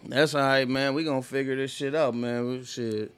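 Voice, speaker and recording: A man's voice: medium pitch, fairly even intonation, moderate pace, clean tone. A man hosting a casual solo podcast, rambling and profane, talking straight to his listeners. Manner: loose, profane, rambling, talks to listeners directly. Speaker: podcast host.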